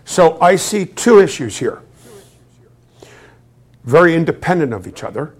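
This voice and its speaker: Hosting a casual finance show, a man questions his guest in a voice that sits fairly high for a man, sing-song and a little slow. He's inquisitive and jokey, and he frequently restarts his sentences.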